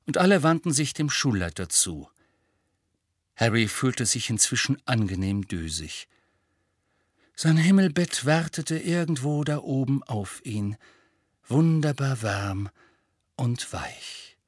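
A man narrating a children's fantasy audiobook in an even storytelling manner. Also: medium pitch, takes it slowly, pauses often, slightly rough, dry recording, clean studio sound. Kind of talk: scripted narration.

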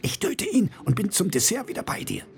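A man voicing a sharp-tongued, fiery young woman in an audiobook reading, speaking in a clipped, hissing manner. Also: high voice, huge pitch swings, a little fast, creaky, pitched above the performer's own voice, exaggerated voice. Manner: clipped, hissing when angry.

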